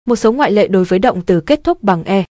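A woman teaching a grammar lesson in scripted narration, explaining in an even, measured way. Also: mid-range voice, no echo, clean studio sound.

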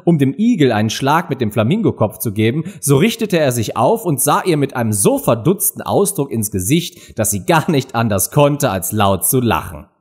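A man reading a storybook aloud with lively, expressive narration. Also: medium pitch, slightly rough. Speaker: audiobook reader.

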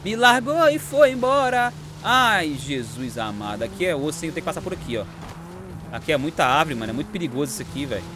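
A young Brazilian man with a Brazilian Portuguese accent, chatting excitedly and slangily while playing a racing game. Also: medium pitch, quick pace. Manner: excitable, chatty, slangy, calls himself to calm down. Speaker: gaming YouTuber. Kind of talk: excited gameplay commentary. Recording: game audio noise behind.

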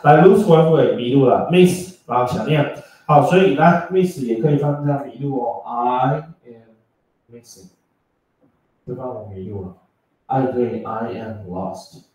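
A man's voice: medium pitch, measured pace, darkish tone. Guy teaching english to a class, cracks jokes at students, mic far off, super echoey room. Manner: joking, teasing students, mixing English words into explanations. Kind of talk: classroom lecture.

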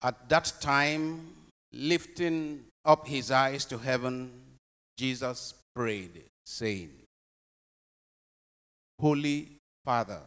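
A male priest reads the Gospel and poses homily questions, slow, deliberate and solemn, his phrases swelling and fading. His medium-pitched voice is fairly bright, clear and resonant, wrapped in a long, cathedral-like echo.

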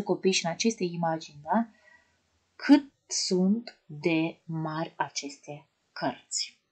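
A woman teacher addresses young children in an online lesson, her voice low and a little husky. She talks in a gentle, sing-song way, swooping up and down as she asks questions and explains. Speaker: primary school teacher.

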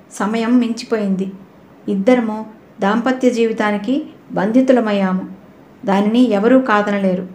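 Woman doing an earnest young husband for a storybook, persuasive, mellow tone, echoey room, barely a put-on voice. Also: fairly high pitch, natural voice. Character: young husband, pleading and placating. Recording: roomy echoey recording.

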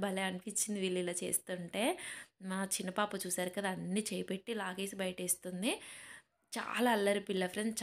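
A young woman and mother narrating a family shopping vlog in a chatty voice-over, often addressing viewers as friends. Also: medium pitch. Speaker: vlogger and mother.

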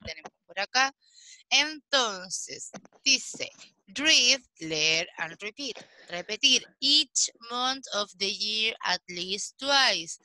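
A woman teaching an English class over a video call. She talks patiently, checks in with the children often, and slows right down to model each English word. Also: mid-range voice, animated, sharp tone, dry recording. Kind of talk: online class instruction.

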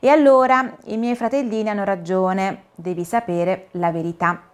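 A woman's voice: mid-range voice, fairly even intonation, moderate pace, lightly acted. A woman voicing a polite, earnest little male caterpillar who speaks in a solemn, careful storybook manner. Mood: confiding.

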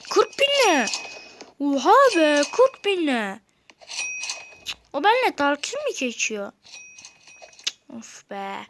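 A high-voiced woman hosts a gaming channel, keeping up a lively running commentary and chatting directly to her viewers. She taunts rival players as she plays. There is a clear hiss of noise behind her voice. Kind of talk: excited let's-play commentary. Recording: noisy home recording.

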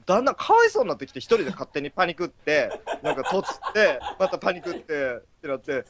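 A man's voice: fairly high pitch, very animated, fast, a bit bright, no room sound. A man co-hosting a casual stream, a chatty storyteller who acts out quotes. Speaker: stream co-host.

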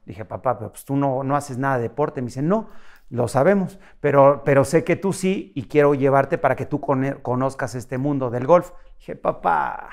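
A man with a Mexican accent, a guest in a casual interview, telling animated stories and acting out dialogue. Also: medium pitch, normal speed. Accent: Mexican Spanish. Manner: animated, acts out dialogue with shifts in voice.

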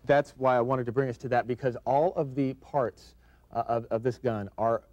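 Man, middle-aged, TV host, conversational interviewing, medium pitch, dry close sound. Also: fairly even intonation, normal speed, darkish tone, dry recording, lo-fi sound. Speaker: TV show host. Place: TV studio set, indoors.

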